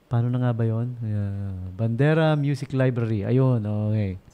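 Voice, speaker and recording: A man's voice: medium pitch, slow, warm tone, clean tone. A man with a Filipino accent, a radio DJ telling jokes on a late-night show in a studio and signing off, switching between Tagalog and English and laughing at his own jokes. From Philippines.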